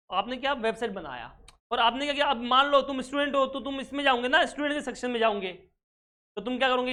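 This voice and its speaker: A man's voice: very high voice, pushed and bright. Accounting teacher, male, lecture style, fires rhetorical check questions, drops in English terms. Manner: keeps asking the class rhetorical check questions; mixes English terms into his explanation. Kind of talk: recorded exam-prep lecture.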